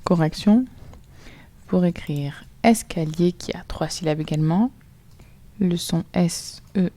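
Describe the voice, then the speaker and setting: A woman with a French accent teaching a recorded phonics lesson to children, spelling sounds out slowly and clearly letter by letter. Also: on the low side, dark tone.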